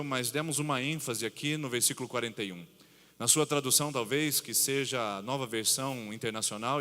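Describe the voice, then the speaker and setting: A man in his thirties from Brazil, preaching a sermon as pastor, reading scripture slowly and low before pressing his points with rising emphasis. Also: bright, forceful tone. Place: church sanctuary. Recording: long church reverb.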